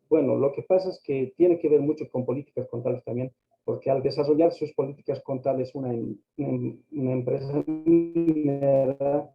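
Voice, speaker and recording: Gravelly man over a crackly, choppy line. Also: medium pitch. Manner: hesitant, full of fillers and tag questions. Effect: choppy, crackly lo-fi microphone line. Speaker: lecturer. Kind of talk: online accounting lecture. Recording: dull lo-fi sound, faint music behind.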